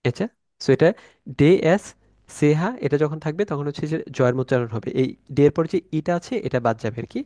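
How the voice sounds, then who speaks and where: A man teaching an online class from slides, slowly spelling out letters and sounds in a casual way, thinking aloud with fillers as he goes. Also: fairly high pitch, mellow, no room sound. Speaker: German language teacher.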